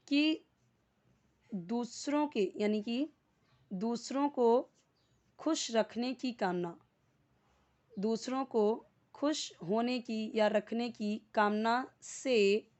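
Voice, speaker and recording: A woman with an Indian accent teaching an English lesson, reading English sentences slowly and explaining them word by word, with many "uh" fillers. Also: on the high side. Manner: frequent "uh" fillers when speaking English.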